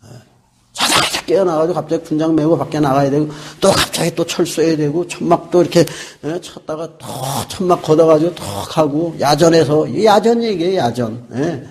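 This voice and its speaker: Man, pastor, sermon, a bit high-pitched, asks and answers his own questions, repeats key words. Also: fairly quick, slight background noise. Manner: asks the congregation questions and answers them himself.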